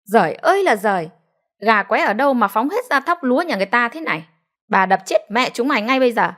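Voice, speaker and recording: A woman voicing a harsh, sharp-tongued old village mother-in-law who scolds in quick, angry outbursts. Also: medium pitch, close to an everyday voice. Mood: furious.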